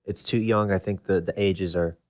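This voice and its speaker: A man's voice: low-pitched, fairly even intonation, normal speed, darkish tone. A man hosting a casual podcast interview, chiming in with short, blunt reactions and opinions. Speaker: podcast host.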